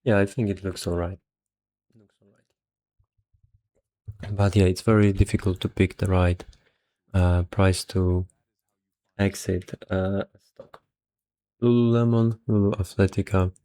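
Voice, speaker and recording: A low-pitched man speaks with a flat, mellow delivery at a measured pace, leaving long pauses. He sounds somewhat tired, an investor casually thinking aloud through stock valuations, hesitant and half muttering to himself.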